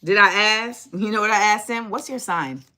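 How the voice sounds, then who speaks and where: Here a woman in her forties hosts an informal livestream, her mid-range voice keeping a moderate pace. She chats animatedly and sassily with viewers, picking up their comments and answering them as she goes.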